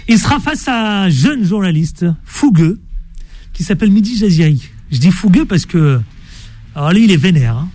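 A man's voice: sits high, sing-song, normal speed, darkish tone, faint music behind. A man hosting a radio show, chatty and teasing, with playful asides. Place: radio studio.

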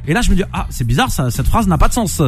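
A man from France hosts a morning radio show, joking with and teasing his guests in a casual interview and filling pauses with lots of hesitation. His voice sits high and he talks fast and very animatedly, with faint music behind him.

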